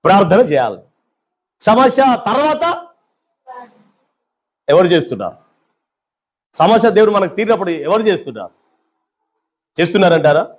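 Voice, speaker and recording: A man's voice: high voice, very animated, moderate pace, long pauses. A male pastor preaching a fervent sermon, firing off rhetorical questions at his congregation.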